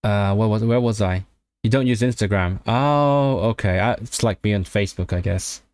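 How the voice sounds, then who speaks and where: A language YouTuber from Hong Kong chats casually on a livestream, answering viewers in a loose, rambling style. His voice is a little low, a little mellow, clear and resonant. He often corrects himself and fills pauses with fillers.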